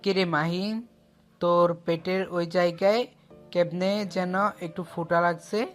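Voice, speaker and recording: A woman voicing a blunt, fussy father in a gruff, lowered voice. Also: fairly even intonation, a little slow, soft background music, lightly acted.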